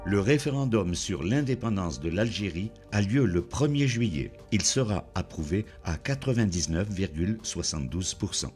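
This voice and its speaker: Man, documentary narrator, very low pitch, scripted delivery, clear music underneath. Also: lively intonation, normal speed, hardly any pauses, darkish tone.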